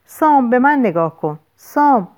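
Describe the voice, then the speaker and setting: A woman's voice: mid-range voice, lively intonation, a little mellow, close to an everyday voice. A woman voicing a young woman who panics and pleads desperately over a wounded man, in an audiobook. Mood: pleading.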